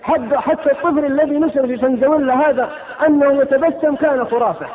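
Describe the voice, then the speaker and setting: A man's voice: extremely high pitch, steady tone, fast talker, some chatter behind. A man preaching a sermon, impassioned, rhetorical and scolding. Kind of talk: fiery sermon. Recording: lo-fi phone-like sound with hall reverb.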